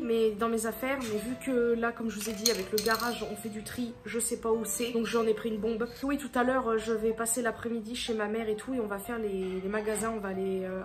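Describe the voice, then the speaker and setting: Woman vlogger, casual rambling chat, slightly high voice, stumbles on words, faint background music. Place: at home indoors.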